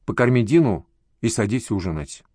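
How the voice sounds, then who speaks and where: A man voicing an older woman, a schoolteacher mother who is brisk, scolding and protective, in a lively, dry reading of a spoken story. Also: fairly low pitch, husky, no echo. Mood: gentle.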